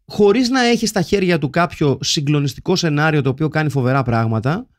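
A man co-hosting a film podcast, chatting casually with animated, enthusiastic asides. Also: on the high side. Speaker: podcast co-host. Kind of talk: casual film-review chat.

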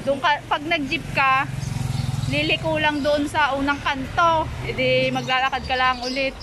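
A woman's voice: high-pitched, fairly even intonation, normal speed. A young woman from the Philippines vlogging while she walks, chatty and explaining as she goes, talking through a face mask. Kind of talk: casual vlog chat while walking. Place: outdoors on a street, walking. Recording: street noise behind, passing cars.

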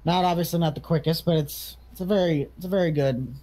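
A man's voice: on the high side, fast talker, warm tone, natural voice. A man playing a farm equipment auctioneer in a casual video game role-play, calling for bids and repeating prices. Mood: matter-of-fact pitch.

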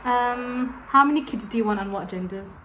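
A woman's voice: a little high, normal speed, a bit bright, a little hiss or hum. An eighteen-year-old woman hosting a casual Q&A in a home kitchen, playful and giggly, talking close to the camera. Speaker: vlogger hosting a Q&A. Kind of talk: casual chat.

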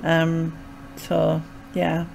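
A woman's voice: deep voice, completely flat delivery, drawn-out words, vocal fry, a little mellow, slight background noise. A young woman with a Sunderland Mackem accent, chatting casually and hesitantly as she explains things in a rambling way. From North East England. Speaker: vlogger. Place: small bedroom indoors. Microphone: desk microphone with pop filter, close.

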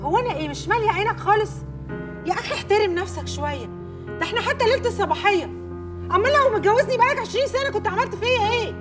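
An actress playing a jealous, hot-tempered young newlywed bride, speaking with an Egyptian Arabic accent in a quick, emotional, sharp-tongued way. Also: female voice, very high-pitched, lively intonation. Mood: angry. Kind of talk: film drama acting. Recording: film soundtrack music behind.

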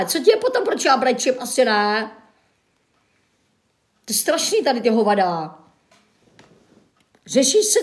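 Woman streamer, high pitched, sarcastic and theatrically sorrowful, chatting casually with her viewers. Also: creaky. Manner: mock-tearful, sarcastic, melodramatic sighing. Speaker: livestreamer reading local news and chat. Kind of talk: casual livestream chat.

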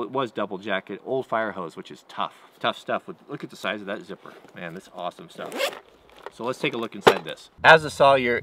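A man's voice: mid-range voice, a bit bright, a little hiss or hum. A middle-aged man, a wildland firefighter, casually talking through his gear outdoors in a rambling, plainspoken way with many restarts. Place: outdoors against a red barn wall.

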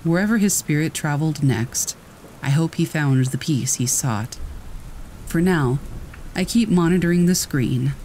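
A man reading first-person scary stories aloud in a steady, measured storytelling voice. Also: fairly high pitch, a little hiss or hum, rough recording. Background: rain.

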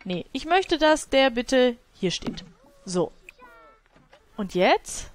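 A woman's voice: sits high, big pitch swings, slow. A woman hosting a let's play, commenting casually on her game and scolding her characters with exasperated, laughing outbursts.

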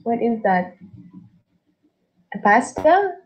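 A giggly woman chatting casually, with a fairly high voice. She speaks slowly and keeps asking questions between laughs. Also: sing-song, poor audio.

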